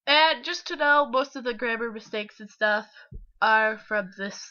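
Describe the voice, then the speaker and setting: A woman's voice: on the high side, measured pace, bright, forceful tone. Sick, stuffy-nosed woman reading dramatically. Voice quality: congested, stuffy. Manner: giggly, mock-dramatic. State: sick with a clogged nose. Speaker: channel host. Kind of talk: dramatic comic story reading. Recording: muffled lo-fi home recording.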